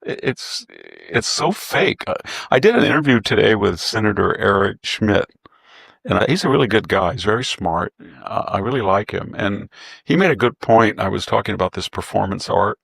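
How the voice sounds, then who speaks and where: A man's voice: lowish voice, animated, brisk, gravelly, a bit bright, no echo. A man giving sarcastic political commentary in conversation, scornful and mocking as he mimics opponents.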